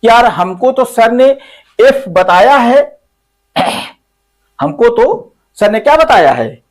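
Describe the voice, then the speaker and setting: A male English teacher, slowly going through the alphabet and repeating each letter sound several times. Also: extremely high pitch, big pitch swings. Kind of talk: spoken English lesson.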